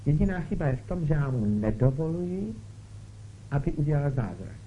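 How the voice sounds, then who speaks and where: A man's voice: on the high side, very animated. A man preaching a spiritual talk, who keeps checking in with his listeners through short questions. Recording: dull lo-fi recording with faint hiss.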